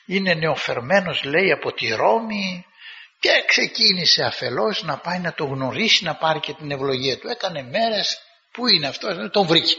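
Bright-voiced preacher telling a story. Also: male voice, fairly high pitch, creaky. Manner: lively storytelling, acting out quoted dialogue in a raised voice. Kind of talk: sermon. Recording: dull recording with long hall reverb.

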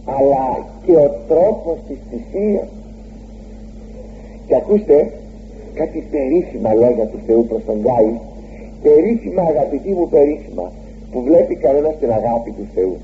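A man preaching a sermon, retelling a scripture story with lively, swooping emphasis and repeated exclamations. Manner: animated, swooping pitch on emphasis. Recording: tinny phone-like recording with faint hum.

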